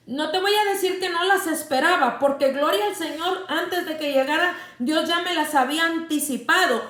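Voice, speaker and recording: High-voiced fervent woman preaching. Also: fairly bright tone, reverberant. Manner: fervent, repeats phrases for emphasis. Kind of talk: livestreamed sermon. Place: seated indoors at home.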